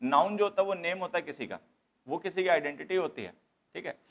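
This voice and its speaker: ऊँची आवाज़ वाला व्याकरण शिक्षक. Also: male voice, a little high, fairly quick, fairly bright tone. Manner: explains step by step, repeats key points, mixes English terms into Hindi. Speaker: English grammar teacher. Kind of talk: classroom lecture.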